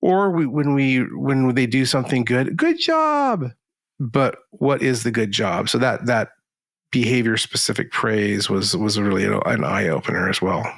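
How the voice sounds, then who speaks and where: A man in his thirties co-hosts a podcast with a gravelly voice, recorded dry and close. He speaks haltingly in casual chat and often restarts his words. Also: medium pitch, a bit bright, no room sound. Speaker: podcast co-host.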